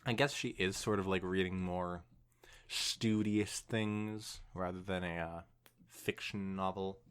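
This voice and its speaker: With a rumbling low voice and a clean tone, a woman co-hosting a podcast reads fan fiction at a measured pace. She tells the story expressively with swooping delivery and drops in casual asides.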